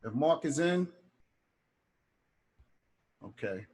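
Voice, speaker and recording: A man's voice: fairly high pitch, lively intonation, very slow, darkish tone. Casual man teaching an online class. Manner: casual, keeps adding "right?". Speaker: instructor. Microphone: video call.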